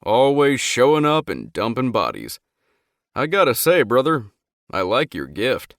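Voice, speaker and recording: Guy doing a gruff biker boss voice for an audiobook, loud and blunt, bit low, dry sound. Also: lively intonation, moderate pace, dry recording. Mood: amused. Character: gruff commanding male biker club president. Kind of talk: audiobook character voice.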